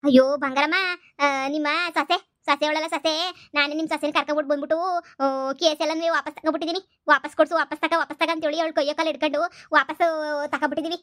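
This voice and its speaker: A woman's voice: high voice, little pitch movement, fast talker, fairly bright tone, no room sound, studio quality. A woman voicing a stern female police officer in a cartoon comedy, warning. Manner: stern, warning, lays down conditions.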